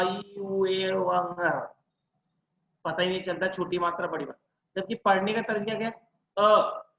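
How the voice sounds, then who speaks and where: A man tutoring an online class, drilling letter sounds one at a time and checking in with his students. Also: sits high. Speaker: Hindi tutor. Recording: echoey, dull lo-fi room sound.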